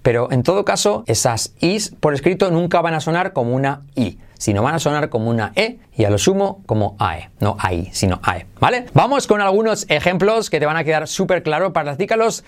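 A man hosting a podcast pronunciation lesson, energetic and drilling each word by slow repetition. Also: on the high side. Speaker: English pronunciation teacher, podcast host.

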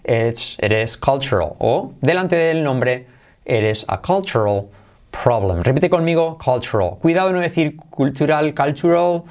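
A man with a Spanish accent from Spain, teaching an online English lesson and repeating words slowly to drill pronunciation. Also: medium pitch, very animated.

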